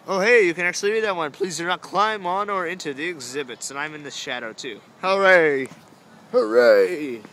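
A young vlogger rambles through a casual walk at a nighttime zoo light show, easily amused, filmed on a handheld camera. He talks fast with few pauses, his slightly high voice bright and forceful. The camera audio is noisy, with crowd chatter and outdoor sounds all around.

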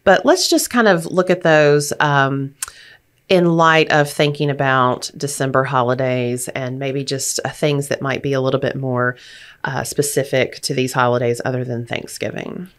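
A woman's voice: a bass voice, fairly even intonation, normal speed. A woman talking as a grief counselor and podcast host, explaining things supportively in a conversational discussion.

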